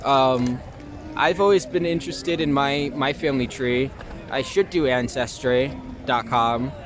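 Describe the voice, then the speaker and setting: Here the young Long Island actor and artist talks in a medium-pitched, unhurried voice, easygoing and a bit hesitant as he thinks aloud during a casual interview. Traffic surrounds him outdoors in the city, making for a noisy urban recording.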